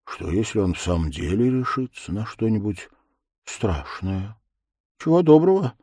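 A man's voice: lowish voice, big pitch swings, normal speed, dark tone, breathy edge, no echo, full character voice. A vain, teasing young village beauty musing in a self-satisfied way, as a male storyteller reads her part. The voice stays close to the reader's own, slightly raised. The sound is dry and close. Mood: worried.

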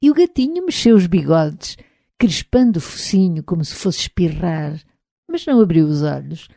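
A woman with a European Portuguese accent narrates a novel in the first person, measured and even. Her voice is low and mellow, recorded close on a dry, dead studio mic. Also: gravelly, dry recording. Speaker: audiobook narrator.

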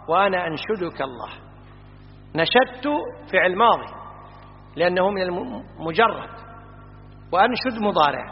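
A man teaching from a classical grammar book, patiently explaining and slowly repeating word forms, checking that his listeners follow. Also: high-pitched. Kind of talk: classroom lecture. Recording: muffled recording in a reverberant hall.

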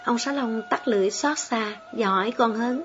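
A woman narrating a storybook in a steady, measured way. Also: on the high side. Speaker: audiobook reader. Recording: dull lo-fi audio with faint background music.

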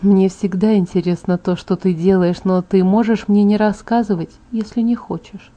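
A woman voicing a calm, protective young male vampire in an audiobook, speaking in a soft, restrained murmur. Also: moderate pace, lightly acted. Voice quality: soft, hushed. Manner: low murmur, gentle and restrained. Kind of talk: audiobook character voice. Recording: dull lo-fi audiobook MP3.

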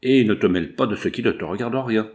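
Storybook villain: male reader voicing a hot-tempered brigand boss, harsh and menacing, low voice. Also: quick pace, darkish tone, natural voice. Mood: furious. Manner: harsh, commanding, threatening.

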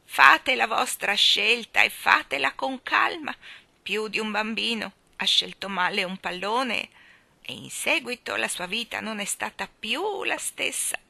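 A woman's voice: a little high, lively intonation, vocal fry, dry recording, pitched above the performer's own voice, heavily acted. A woman doing a quavering, doting old balloon seller. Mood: doting, wistful. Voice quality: quavering, tremulous voice. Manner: drawn-out, sing-song, loud endearments.

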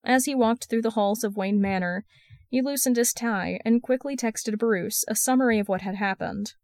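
A woman reading a fan fiction story aloud as a podfic, in an even storytelling read. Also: a little high, moderate pace, no echo, studio quality. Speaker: podfic reader.

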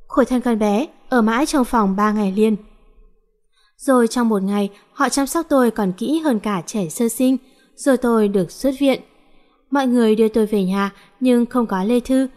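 A woman tells a first-person story, her voice sitting a little high. She narrates steadily and lifts her voice slightly for the characters' lines. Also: a little mellow.

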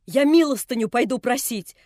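A woman reading an audiobook, voicing a distraught young girl who shouts defiantly through tears. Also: normal speed, no echo, clean studio sound, close to an everyday voice. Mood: furious tearful. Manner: shrill, tearful, defiant outbursts.

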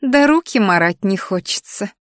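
A woman's voice: medium pitch, lively intonation, normal speed, dry recording, clean studio sound, natural voice. A woman voicing a spiteful, jealous young woman in an audiobook reading, scornful and hissing.

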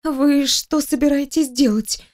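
A woman voicing a flustered, indignant young female office worker in an audiobook, protesting in a high, drawn-out voice. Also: expressive, a little mellow.

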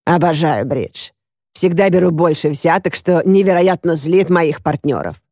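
A sharp-witted woman of seventy-seven, voiced by a female narrator in an audiobook, brisk and sure of herself. The voice sits low and dark, recorded dry and close. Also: no room sound. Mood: confident.

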